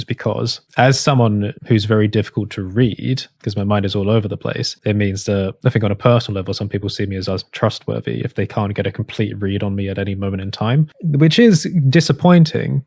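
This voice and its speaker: A man's voice: mid-range voice, a little mellow, no room sound, clean studio sound. A man hosting his own channel, talking through ideas in a rambling, introspective way and swearing now and then. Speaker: channel host. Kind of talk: casual reflective vlog monologue.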